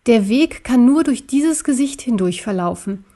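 A woman voicing Ariel, a small, brave male stuffed-toy elk in a storybook, speaking in a calm, thoughtful way. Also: fairly high pitch, moderate pace, natural voice.

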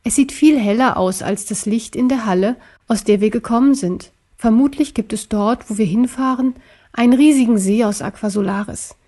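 Butler, a gentle little teddy bear voiced by a woman. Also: a little high, moderate pace, lightly acted. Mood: reassuring. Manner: gentle, reassuring. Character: small brave kind male teddy bear. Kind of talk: storybook character voice.

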